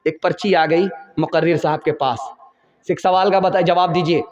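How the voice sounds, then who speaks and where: A male preacher with a high-pitched voice tells dramatic stories as he preaches. His voice rings through an echoey room. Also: steady tone, moderate pace, lo-fi sound. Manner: dramatic storytelling with acted quotes. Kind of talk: storytelling sermon.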